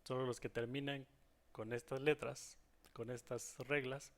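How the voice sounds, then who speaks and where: A man's voice: mid-range voice, flat delivery, measured pace. A man teaching English grammar in a recorded lesson, explaining patiently and often checking in with students.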